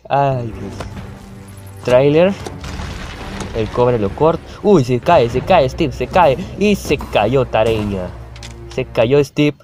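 A young man with a mid-range, darkish voice chats through a reaction video for his channel. He laughs a lot and calls out at the screen in casual commentary.

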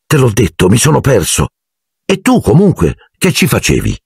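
A man's voice: medium pitch, wildly swooping pitch, moderate pace, gravelly, darkish tone, breathy edge, no room sound, clean studio sound, voice pushed up, full character voice. A man voicing an earnest young boy wizard in a slightly raised voice.

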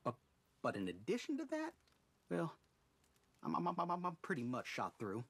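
A sickly, self-pitying crook from a video game. His husky voice stammers nervously and halts, swinging widely in pitch as he fusses. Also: huge pitch swings, a bit bright, exaggerated voice. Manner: fussy, halting listing of his ailments. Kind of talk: video game character acting.

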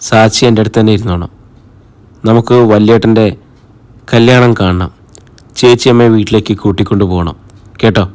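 A man voicing a calm, good-natured young man in an audiobook, reassuring his mother and sister. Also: lowish voice, fairly quick, pauses often, clear, resonant tone, close to an everyday voice. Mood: patient.

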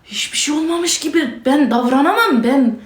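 A woman with a very high, piercing voice pours out a distraught, agitated rant for her vlog, repeating herself and calling out to God. The room around her is echoey and hollow. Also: animated, normal speed. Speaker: vlogger.

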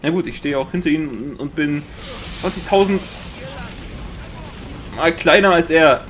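A young man with a Bavarian accent giving excitable Let's Play commentary, swearing often and making sound-effect noises. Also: on the high side, measured pace, faint music behind. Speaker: gaming commentator.

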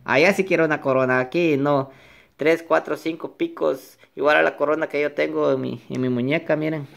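A man's voice: on the high side, brisk, gravelly. A nervous, playful man chatting casually to his viewers as a vlogger, joking and singing to himself. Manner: excitable, playful, jokes and sings along.

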